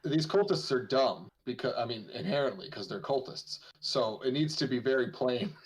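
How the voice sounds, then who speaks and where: A man's voice: mid-range voice, animated, moderate pace, low-quality recording. A man playing a tabletop game, chatting casually in a wry, blunt way.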